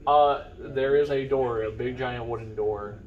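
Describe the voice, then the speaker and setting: A man runs a tabletop fantasy game as its game master. He improvises the narration in loose, informal language, halting often as he assembles the picture. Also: medium pitch, narrow, tinny audio. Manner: halting, informal, piecing descriptions together.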